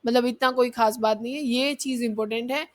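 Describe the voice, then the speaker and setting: A woman's voice: a little high, fairly even intonation, a little fast. A woman teaching an exam-prep chemistry lesson, explaining step by step and answering her own questions. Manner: explains step by step, keeps asking students questions and answering them herself; addresses students as kids, checks in with "theek hai".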